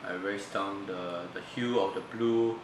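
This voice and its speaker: A man's voice: lowish voice, steady tone, unhurried. A man with a sick voice chatting loosely through his photo edits in a rambling tutorial vlog. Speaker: photo editing vlogger. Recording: echoey room with background noise.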